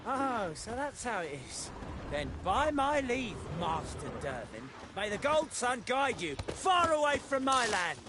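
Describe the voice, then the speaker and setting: Mocking male villager, very high and animated, quick taunting. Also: noisy background, full character voice. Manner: taunting and rapid. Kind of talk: video game dialogue.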